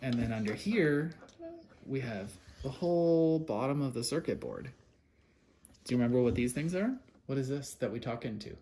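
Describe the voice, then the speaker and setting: Speaking at normal speed with an animated, mellow, mid-range voice, a father presents a homemade take-apart video for kids. He casually explains the task to a child and patiently nudges them along with questions, while background noise and handling clicks come through clearly.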